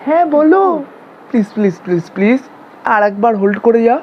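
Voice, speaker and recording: A young woman performing a comic sketch, flipping quickly between sweet-talking and bickering characters. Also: medium pitch, dull audio, a little hiss or hum. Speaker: comedy sketch creator. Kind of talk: comic sketch acting several roles.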